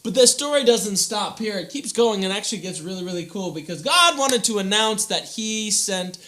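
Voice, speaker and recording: Brief: male children's preacher, bright and high-pitched, playful and joking. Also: normal speed. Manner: playful, animated, uses props, addresses children. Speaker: children's pastor. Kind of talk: children's sermon storytelling.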